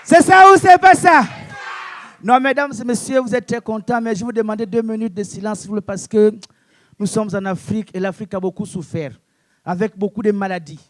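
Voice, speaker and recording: High-voiced shouting comedian. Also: male voice, fairly even intonation, brisk, no echo, some chatter behind. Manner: loud, punchy, shouted audience call-outs. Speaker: stand-up comedian. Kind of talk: stand-up comedy set. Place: comedy club stage.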